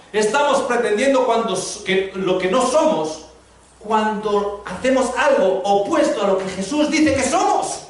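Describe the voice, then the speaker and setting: High-voiced male preacher in an echoey hall. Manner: humorous storytelling, lively preaching to a congregation. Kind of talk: sermon. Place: large hall before a congregation. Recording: echoey hall, distant voice, faint noise.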